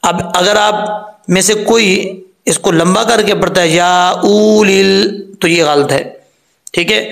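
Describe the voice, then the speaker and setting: A man's voice: high voice, creaky. A man teaching Quran reading with tajweed, spelling words out letter by letter and chanting the verses between explanations. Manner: spells out letters slowly, then recites them in a sung tone. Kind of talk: step-by-step tajweed lesson.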